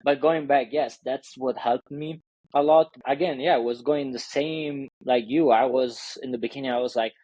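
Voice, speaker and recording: A man's voice: medium pitch, fairly even intonation, moderate pace, mellow, dry recording, rough recording. Italian-accented male business coach, loose non-native English, dry close sound. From Italy. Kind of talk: casual interview talk.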